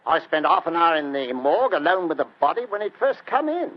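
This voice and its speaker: An actor playing a genial, plain-spoken police inspector, folksy and excitable, with a British accent in old-time radio drama style. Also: male voice, on the high side, fairly quick. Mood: puzzled. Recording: muffled, noisy old radio recording.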